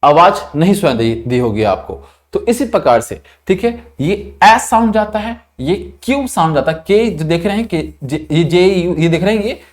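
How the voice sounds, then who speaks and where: A young Indian man teaching an online vocabulary lesson, explaining words and slowly repeating them to model pronunciation, often checking in with his students. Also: sits high, expressive. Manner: frequent check-ins like "thik hai".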